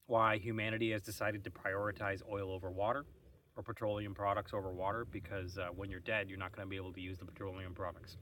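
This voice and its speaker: A man's voice: on the low side, a bit bright, recorded from a distance. A man hosting a casual morning vlog, musing and rambling with wry asides while sitting outdoors on a shady farm terrace. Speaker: vlog host.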